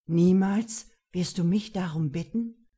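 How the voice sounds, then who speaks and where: A woman reading the lines of a domineering, commanding man in a hard, taunting tone, with a slightly lowered voice. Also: slow, dark tone, slightly rough.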